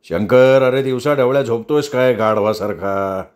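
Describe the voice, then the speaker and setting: A male storyteller voicing a bossy middle-aged boss who talks in a gruff, growling way. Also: medium pitch, steady tone, brisk, darkish tone, natural voice.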